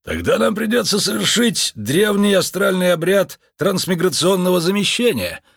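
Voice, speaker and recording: A man voicing an excitable, eccentric male mystic in an audiobook, with a high, theatrical, husky voice. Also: moderate pace, no echo, studio quality, full character voice. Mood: grandiose. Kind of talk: audiobook character voice.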